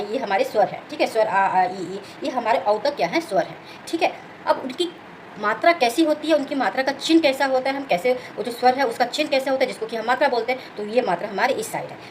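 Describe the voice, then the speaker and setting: Fast-talking woman teacher, high voice. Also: a little hiss or hum, poor audio. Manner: explains step by step, often asks "clear?" and says "okay". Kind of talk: Hindi grammar lesson.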